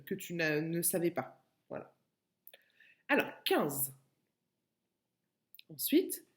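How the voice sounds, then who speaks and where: Slow, patient French teacher woman. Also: medium pitch, darkish tone. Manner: slow, patient, spells words out syllable by syllable. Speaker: kindergarten teacher. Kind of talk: recorded lesson for a child at home.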